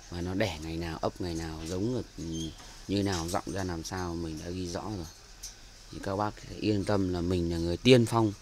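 A deep-voiced man with a Northern Vietnamese accent gives a chatty, casual walkthrough of his outdoor bird aviary, full of fillers and repeated words. It's recorded on a handheld camera mic, with background noise.

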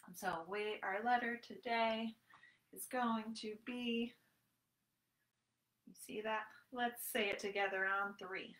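Here a woman in her thirties plays a children's librarian at storytime, coaxing and sing-song. Her voice sits mid-range with a steady, fairly bright tone, and she moves slowly, pausing often. It's a home webcam recording from a small indoor room, with roomy echo.

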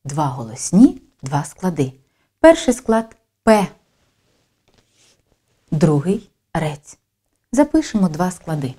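A woman narrating a scripted primary-school phonics lesson, speaking slowly and deliberately and stressing each sound. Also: sits low, very animated, mellow, breathy edge. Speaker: teacher.

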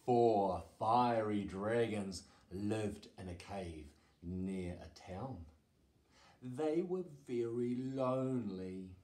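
A man reading a children's picture book aloud with a playful expressive manner, in a roomy echo. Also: fairly low pitch, drawn-out words. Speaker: storyteller.

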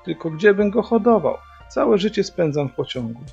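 A man voicing a pensive middle-aged male train waiter who muses quietly to himself. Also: high voice, very animated, normal speed, creaky, voice pushed up, heavily acted. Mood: musing. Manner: musing, thoughtful. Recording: dull lo-fi recording, faint music.

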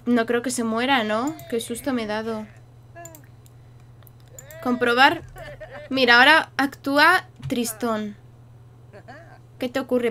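A woman's voice: sits high, sharp tone. A young woman, chatting playfully through a life-sim game for her viewers and talking to her characters. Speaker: gaming YouTuber. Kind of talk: casual game commentary.

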